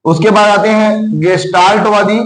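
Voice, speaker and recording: A man teaching a lecture class, asking his own questions and drawing key terms out slowly. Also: high voice, fairly even intonation, reverberant, low-quality recording.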